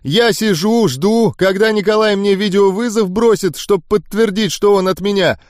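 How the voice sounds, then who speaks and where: A male narrator voicing a gruff, contemptuous middle-aged crime boss with a barking, insulting manner. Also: sits high, animated, moderate pace, dry recording, studio quality, voice pushed up. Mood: scornful.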